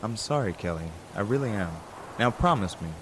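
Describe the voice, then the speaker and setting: A man's voice: lowish voice, animated, brisk, voice pushed down, lightly acted. A man voicing a worried, protective middle-aged mother who scolds in an exasperated way. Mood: pleading. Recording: rain and thunder noise behind.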